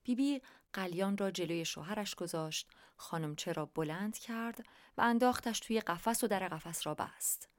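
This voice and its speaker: Calm woman reading a story aloud. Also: medium pitch. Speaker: narrator.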